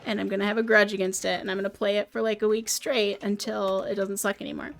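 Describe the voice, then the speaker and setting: A woman streaming a game live, chatting in a joking, self-mocking way, her voice a bit rough from being sick. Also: mid-range voice, level tone, fast, faint music behind. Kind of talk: live gameplay stream chat.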